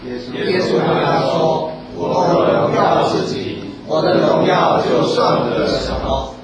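A man from the congregation reading scripture aloud in a steady, plain way. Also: a little high, measured pace. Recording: echoey hall from far off, crowd behind.

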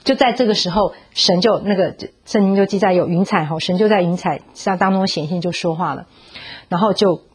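A woman's voice: brisk, breathy edge. A woman giving a parenting talk, telling a Bible story and coaxing the audience with questions, slipping in English words. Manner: acts out quoted voices with rising pitch. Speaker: parenting speaker.

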